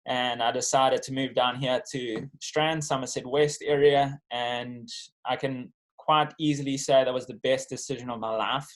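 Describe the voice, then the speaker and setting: A man's voice: medium pitch, fairly even intonation, normal speed. A man with a South African accent telling his story in a casual interview, speaking as a professional athlete in an earnest, informal, reflective way. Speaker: professional bodyboarder being interviewed.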